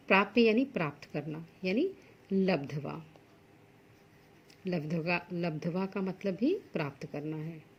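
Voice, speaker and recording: A woman's voice: lowish voice, highs cut off, slight background noise. A woman teaching Sanskrit to school students, working through textbook exercises. She reads each Sanskrit word and then explains it plainly in Hindi.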